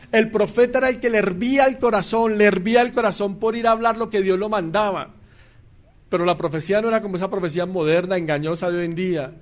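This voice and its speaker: A male preacher giving an emphatic sermon that swings between loud declarations and quiet asides. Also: sits high.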